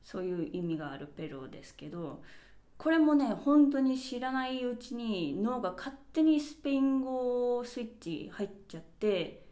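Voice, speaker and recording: A woman from Japan talks alone on her podcast in a relaxed, chatty way, working through her own habits with example after example. Her pitch swings widely, rising and falling with lively expression. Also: normal speed. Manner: chatty, self-reflective, explains with examples. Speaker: podcast host. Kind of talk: casual solo podcast talk. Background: birds chirping.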